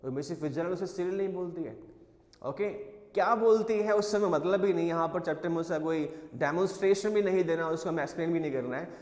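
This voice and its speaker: A man's voice: on the high side, fast talker, darkish tone, roomy sound, long reverb tail. A male teacher explains a play, reading lines aloud and then translating and explaining them. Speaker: English teacher. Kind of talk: classroom lesson explaining a play in Hindi and English.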